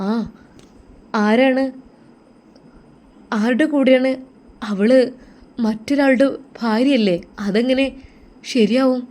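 A woman's voice: high-pitched, slow pace, long pauses, darkish tone, pitched above the performer's own voice. A woman voicing a shocked and grieving young man who pleads in distress. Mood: agitated.

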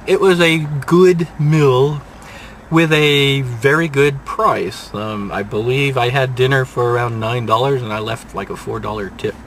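Parked in his car, an older man reviews a restaurant for a casual vlog, speaking slowly to a close-range dashboard camera. His rambling, unhurried talk is dotted with dry, self-mocking jokes, in a medium-pitched, fairly bright voice. Faint vehicle and street noise hum in the background.

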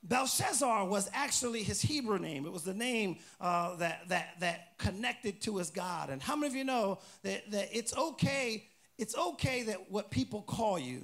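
A male pastor preaching to his church, reading scripture aloud in bursts and calling out to the congregation for responses. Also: high-pitched. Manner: energetic preacher, rising loud on scripture readings, prompting the congregation. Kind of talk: call-and-response sermon.

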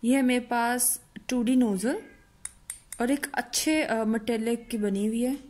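A woman with a slightly high voice chats casually through an unboxing review of baking gear, and she pauses often as she shows each item. She sits at home with a phone filming from above. Faint background hiss is under her voice. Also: steady tone, a little mellow. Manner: chatty, frequent hesitations, shows items one by one. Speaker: cooking channel host. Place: indoors at home, seated over a box.

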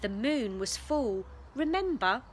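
A woman voicing a rather old, very wise female cat in a storybook reading, speaking slowly and knowingly. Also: a little high, lively intonation, a little hiss or hum. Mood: calm.

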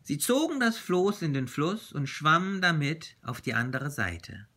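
A man reading a children's story aloud in an expressive, unhurried way. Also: a little high, slightly rough. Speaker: reader.

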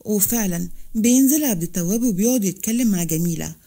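A woman with an Egyptian accent narrating a romance story in a brisk, lively way. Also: medium pitch.

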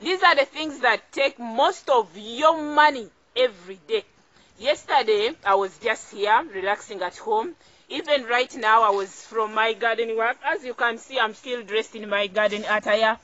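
A young Ugandan woman, a farmer and video host, speaks informally to camera in an instructional vlog from a small outdoor home garden. She's encouraging and emphatic, repeating phrases for emphasis, with a fairly high, slightly bright voice at a moderate pace. The camera audio is dull and lo-fi.

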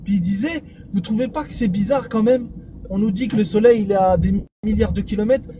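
A man chatting casually in French suburban street slang, peppered with Arabic religious interjections. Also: a little fast. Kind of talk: casual chat. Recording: noisy recording with vehicle rumble behind.

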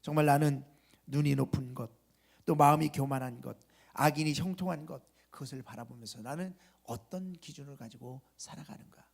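A male pastor preaching at an early morning church service, asking the congregation rhetorical questions and dropping from loud emphasis to a soft whisper at the ends of phrases. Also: medium pitch, a little fast, vocal fry. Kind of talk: sermon.

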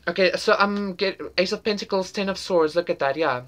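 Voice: medium pitch, a little fast, fairly bright tone, slight background noise. A tarot reader giving a casual pick-a-card reading, who talks straight to the viewer and rambles with repeated words and frequent "okay?" check-ins. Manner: enthusiastic, intuitive, talks directly to the viewer.

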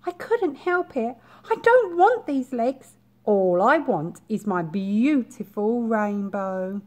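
A woman's voice: a little high, animated. A woman voicing a lovesick, apologetic young male tadpole in a storybook, pleading and drawing out the words. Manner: pleading, drawn-out delivery. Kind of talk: children's storybook read-aloud.

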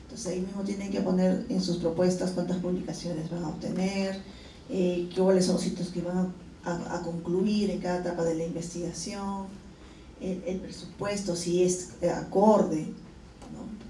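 A woman's voice: fairly low pitch, flat delivery, normal speed, dark tone, slight background noise. A woman in her forties with a Peruvian accent, giving a conference presentation into a handheld mic with frequent fillers and restarts. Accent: Peruvian Spanish. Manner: explanatory, many fillers and restarts. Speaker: conference speaker from a research funding agency. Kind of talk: presentation talk. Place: conference hall. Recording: echoey hall, from far off.

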